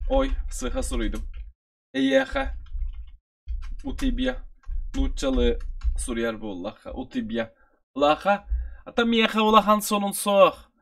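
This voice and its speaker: Slow-talking Turkish man teaching. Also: high-pitched, creaky, a bit bright. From Turkey. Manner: explains slowly, repeats phrases for learners. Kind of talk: online review lesson.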